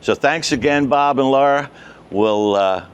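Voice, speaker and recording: With a clip-on wireless lapel mic on his shirt, the older host of a ham radio vlog explains things informally and in sequence to the camera. He's outside in a suburban backyard near a patio and a shed, and his medium-pitched voice comes through clean and unhurried.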